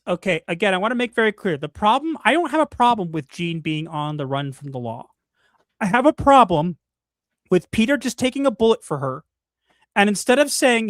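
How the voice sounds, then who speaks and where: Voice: medium pitch, no echo. A stream host in a casual spoiler discussion of a movie, reading chat comments aloud and ranting emphatically.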